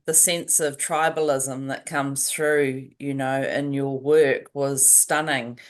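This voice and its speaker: A woman co-hosting an online talk show, speaking admiringly with fillers over a video call. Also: sits low. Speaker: co-host. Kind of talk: casual interview talk.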